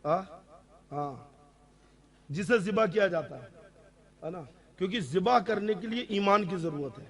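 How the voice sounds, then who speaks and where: A man's voice: high voice, lively intonation. A man, an Islamic scholar, answering audience questions on religious rules, stressing key points and often checking that listeners follow. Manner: emphatic, repeats key rulings.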